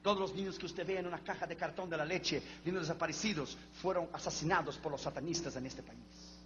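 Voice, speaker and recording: Talking fast, a fervent pastor with a high voice preaches a sermon, repeating lines and lurching from shouts to near-whispers. It's captured in a dull lo-fi recording carrying a faint hum.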